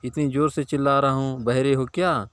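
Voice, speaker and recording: A man's voice: mid-range voice, steady tone, a little fast, a bit bright, clear, resonant tone, dry recording, lightly acted. A man doing a bossy, gluttonous fat villager. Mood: grumbling, bossy. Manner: grumbling, scolding.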